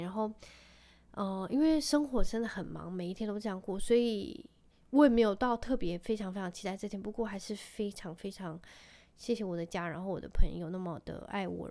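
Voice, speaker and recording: This medium-pitched woman's voice has a darkish tone. In her thirties and hosting a podcast, she talks casually and lovingly about family life, laughing often.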